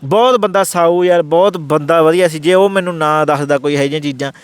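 Fast-talking man telling his story. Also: on the high side, clear, resonant tone, no room sound. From Punjab. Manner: rapid, earnest telling that acts out the others' words in quotes. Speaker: interview guest. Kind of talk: casual first-person storytelling.

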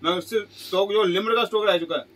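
A middle-aged man pitching goods in a small clothing shop, asking each price aloud and answering it with exclamations. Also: fast talker, fairly bright tone, poor audio. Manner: repeats prices as questions, exclaims "wah ji wah". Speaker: shop seller. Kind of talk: sales pitch.

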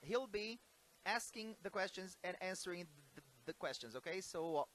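A man's voice: high-pitched, lively intonation, normal speed, a bit bright. A man, hosting in an upbeat, playful way. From Brazil. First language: Portuguese. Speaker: host. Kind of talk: casual video chat. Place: hotel room.

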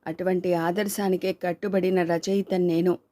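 A woman's voice: on the low side, little pitch movement, moderate pace, dark tone, natural voice. A woman voicing a devoted husband who is an idealistic writer, speaking tenderly and earnestly.

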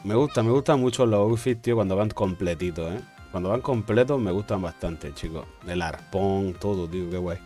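A man's voice: low-pitched, normal speed, few pauses, dark tone, faint music behind. A man with a Spain Spanish accent giving casual, teasing gaming commentary to his teammates. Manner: playful, teasing, slangy banter. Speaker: gaming streamer.

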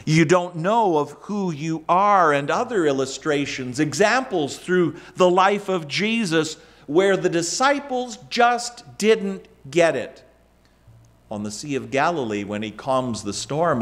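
In a church sanctuary, a middle-aged pastor delivers a sermon slowly and deliberately into a lectern microphone, gesturing to drive each point home. His fairly high voice rises and falls for emphasis, preaching emphatically with wide swings in pitch and loudness.

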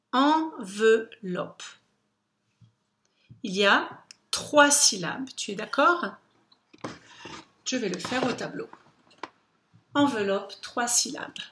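Very slow, patient woman teacher. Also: on the high side, bright, forceful tone. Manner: slow, patient, carefully articulated. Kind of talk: phonics lesson for children.

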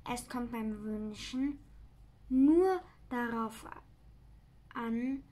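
A woman's voice: on the high side, very slow, warm tone. A woman voicing the Sams, a cheeky childlike creature, in a pert, know-it-all manner while reading aloud.

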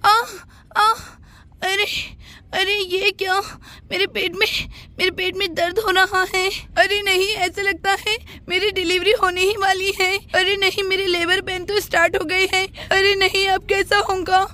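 A woman's voice: extremely high pitch, little pitch movement, measured pace, sharp tone, heavily acted. A woman voicing a flustered pregnant aunt who fusses and cries out in alarm in a doll story. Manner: fussing, exclamatory, panicky.

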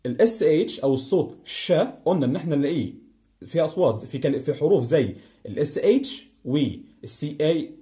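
Animated, mellow-voiced Egyptian teacher. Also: male voice, on the high side. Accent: Egyptian Arabic. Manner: repeats each example word slowly several times, checks with "okay?". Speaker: English pronunciation teacher. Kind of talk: online pronunciation lesson.

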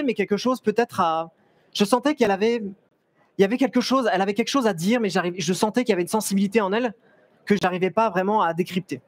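Chatty young man on a fair stage. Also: sits high. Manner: lively, chatty, many restarts and fillers, joking with the audience. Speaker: photographer giving a talk. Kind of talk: live stage presentation. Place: stage at a trade fair, large indoor hall. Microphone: headset mic.

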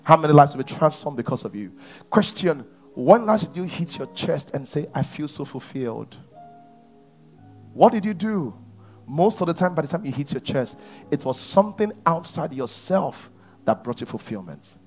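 A man's voice: fairly high pitch, normal speed, faint music behind. Man preaching from a church stage. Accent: Nigerian English. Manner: energetic preaching, swings from shouting to near whispers. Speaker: pastor. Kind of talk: sermon. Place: large church stage with lighting rigs.

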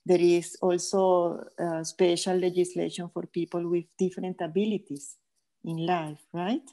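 An older woman from Venezuela, a guest geophysicist speaking in a measured, thoughtful way with many pauses over a video call headset. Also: lowish voice, level tone, mellow. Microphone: earphone headset on video call.

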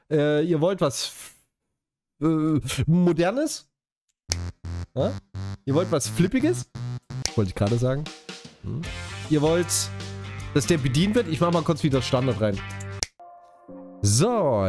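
Lively chatty German man from Saxony. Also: a little high. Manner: chatty, jokey, talks straight to viewers. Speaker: gaming YouTuber. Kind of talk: casual let's-play commentary.

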